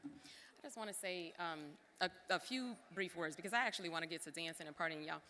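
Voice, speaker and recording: A former cultural center director delivers a heartfelt, emotional thank-you speech at a formal gala, tossing casual asides to the crowd. Her lowish voice is fairly quick, pushed and bright, with slight background noise and the long reverb of a large hall.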